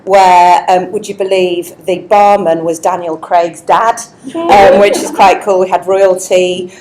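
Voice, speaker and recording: Woman from leeds, lowish voice, laughs at herself telling her work story into a wireless mic. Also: fairly even intonation, a little slow, noisy background. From Leeds, England. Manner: chatty, self-deprecating, laughs often. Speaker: guest speaker, company chief executive. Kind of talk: on-stage interview storytelling. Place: indoor networking event. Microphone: wireless microphone.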